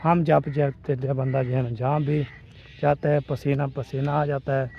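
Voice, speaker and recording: The recording is muffled: a man speaks in a mid-range voice with vocal fry, little pitch movement, and a measured pace. He's walking through hot village fields filming a casual family vlog on his phone, rambling and reusing filler phrases.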